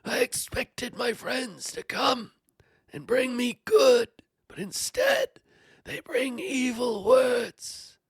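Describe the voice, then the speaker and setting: Anguished lamenting old man played by a woman, tearful whispers and cries, high swooping voice, slow, gravelly. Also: very animated, no room sound, exaggerated voice. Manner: anguished pleading, dramatic swings. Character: suffering old man Job, lamenting, despairing. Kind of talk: dramatic scripture reading.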